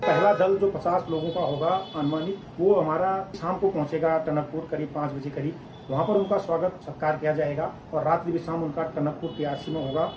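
A male official gives a halting statement to a reporter, with a fairly high voice. The field recording sounds roomy, and clear background noise runs under it. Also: fairly even intonation. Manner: halting, repeats himself while explaining. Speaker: district tourism official.

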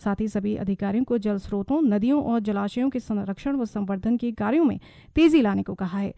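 A woman reading a regional radio news bulletin in a steady, measured, formal manner. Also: medium pitch, vocal fry, no echo, studio quality. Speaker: news reader. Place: radio studio.

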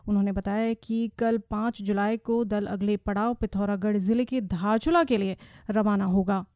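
A woman reading a regional radio news bulletin in a steady, measured, formal manner. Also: medium pitch, no room sound, lo-fi sound. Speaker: news reader. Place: radio studio.

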